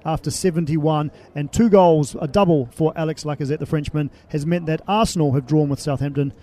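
Mellow-voiced man reading match scores. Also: a little high, fairly even intonation. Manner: measured, announcer-like delivery. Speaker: radio sports co-presenter. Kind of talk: reading sports results.

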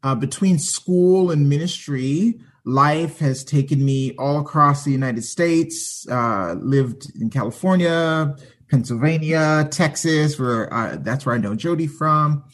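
A man's voice: fairly high pitch, measured pace. A man from Canada chatting as a podcast guest, friendly and chuckling, with lots of ums and uhs. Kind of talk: casual chat.

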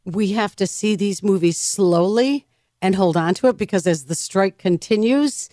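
A woman's voice: medium pitch, moderate pace, dark tone, no echo, studio quality. A woman co-hosting on radio in casual chat. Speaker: radio co-host.

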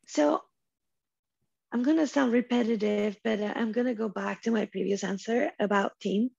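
A woman speaks casually as a podcast guest with a hoarse, raspy voice. It crackles with gravelly fry, and she talks informally in short starts. The close, dry recording sounds slightly dull. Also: a little high, moderate pace, a little mellow, no echo. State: hoarse, losing her voice while unwell. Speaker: podcast guest, venture capital professional. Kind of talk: casual interview conversation. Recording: dull, lo-fi audio.

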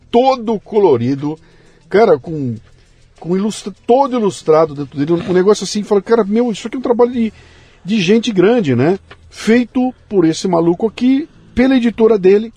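A man hosting a podcast in relaxed conversation, often trailing off quietly at the ends of phrases. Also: high voice, slightly rough, no room sound. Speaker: podcast host. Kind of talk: casual podcast chat.

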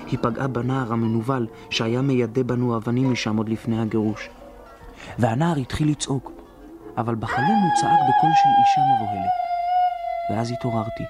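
A man's voice: mid-range voice, huge pitch swings, loud music behind the voice. An actor narrating in the first person as a resourceful boy hiding alone in ruins, in a reflective radio drama monologue that plans step by step. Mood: brooding, planning. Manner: reflective inner monologue, planning aloud.

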